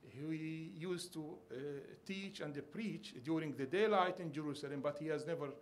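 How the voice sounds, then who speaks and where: Man from Bethlehem, conference panelist, slightly raised pitch, earnest story with light humor, faint room noise. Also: normal speed.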